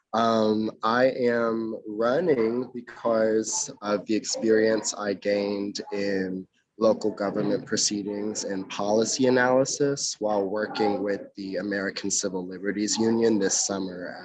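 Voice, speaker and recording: A man's voice: lowish voice, a little hiss or hum, rough recording. A young man from North Carolina, a mayoral candidate, answering interview questions formally over a video call from outdoors, with frequent ums. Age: young adult.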